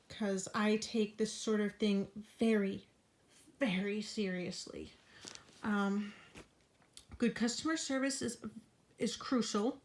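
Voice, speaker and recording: This is a woman recording a casual update vlog from her bed at home. She is out of breath, her voice sits at an ordinary middle pitch, and she now and then slips into a breathy whisper. She talks frankly, with an indignant edge. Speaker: vlogger.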